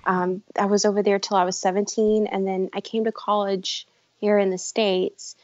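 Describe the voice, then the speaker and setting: A woman's voice: medium pitch, flat delivery, normal speed, darkish tone, dry recording, lo-fi sound. A woman from Japan, a shop owner and guest on a podcast, telling her story in a friendly way and laughing often. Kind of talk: casual interview chat.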